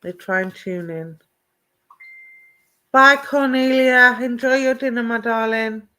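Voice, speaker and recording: A woman working as a psychic medium gives live online readings, greeting viewers by name, calling them "my darling," and asking whether things make sense. She sounds affectionate, speaking slowly in a fairly high, sharp yet smooth voice.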